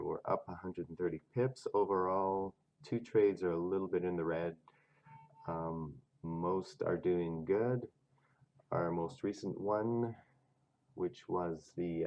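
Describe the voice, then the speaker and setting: Gravelly, stuffed-up man with a cold. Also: deep voice, steady tone, a little slow, muffled recording. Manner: chatty and self-interrupting, talks to himself over charts. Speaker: forex trading channel host. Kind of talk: casual screen-share chart commentary.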